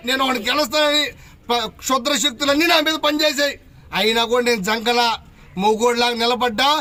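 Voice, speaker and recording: A man who is a local elected official, furiously shouting insults and challenges at a press conference. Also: extremely high pitch. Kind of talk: angry press conference tirade. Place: press meeting.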